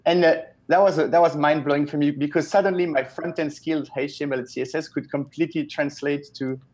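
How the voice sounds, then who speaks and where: A man in his thirties from Switzerland, a web developer, talking in a relaxed, chatty and enthusiastic way as a guest on a video call from a small home office, speaking into an earphone headset. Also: fairly high pitch, quick pace. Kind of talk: casual video-call interview.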